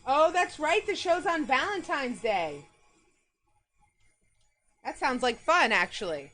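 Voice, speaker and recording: Bright, forceful, and expressive, a high-voiced woman speaks slowly with a Long Island accent from New York. She bakes while livestreaming, chatting loosely with viewers, welcoming them by name, and drifting into rambling asides.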